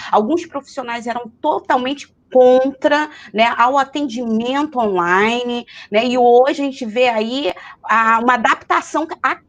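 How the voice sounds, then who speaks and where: Chatty woman. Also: on the high side. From Rio de Janeiro, Brazil. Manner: hesitant, many fillers and tag questions. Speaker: psychologist hosting a live chat. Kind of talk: casual live-stream chat.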